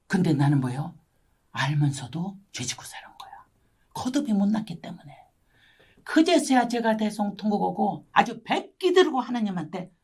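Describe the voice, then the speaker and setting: At an online church gathering, an older woman missionary gives her testimony as a sermon, telling her story dramatically and constantly asking listeners to agree with tag questions. Her voice is mid-range, a little mellow, and slightly rough.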